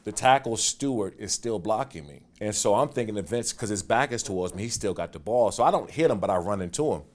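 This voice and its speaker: A man in his forties telling stories from his football career in a casual interview, animated and getting loud and quick when excited. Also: medium pitch. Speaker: guest, former football player.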